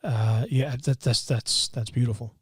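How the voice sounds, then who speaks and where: A man who is a priest co-hosting a podcast, speaking reflectively and haltingly, often repeating words. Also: medium pitch, fairly even intonation, slightly rough, no echo, clean studio sound. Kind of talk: reflective conversation.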